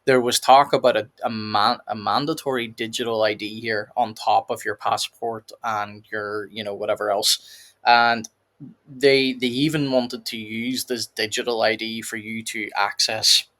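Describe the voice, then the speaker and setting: A man's voice: on the low side, steady tone, measured pace, fairly bright tone. A man hosting a casual reaction video, rambling and laughing often as he comments. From United Kingdom.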